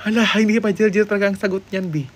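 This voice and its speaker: A man from the Philippines hosting a live-stream guessing game, playful and sassy, greeting viewers and teasing answers with sudden high exclamations. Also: steady tone, very fast. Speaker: livestream host.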